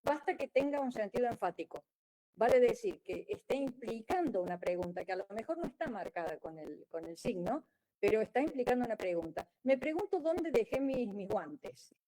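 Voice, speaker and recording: A woman's voice: fairly high pitch, animated, a little fast, warm tone, low-quality recording. A woman giving a conference lecture as a geologist, explaining in a wry way with frequent restarts. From Argentina.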